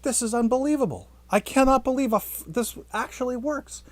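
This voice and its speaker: A man's voice: very high-pitched, brisk, dry recording, voice pushed up. A man putting on a giddy, astonished guy whose voice jumps well above his usual register. He sounds eager and disbelieving, in a dry, close recording. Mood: amazed, eager. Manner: excited, disbelieving.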